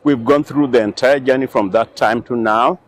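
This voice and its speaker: Older Kenyan-born scientist, unhurried storyteller, filmed outdoors. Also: male voice, mid-range voice, fairly even intonation. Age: 60s. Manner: measured, reflective storytelling with frequent fillers. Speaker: interview guest, scientist. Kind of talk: relaxed conversational interview. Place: outdoors on a lawn in front of a building.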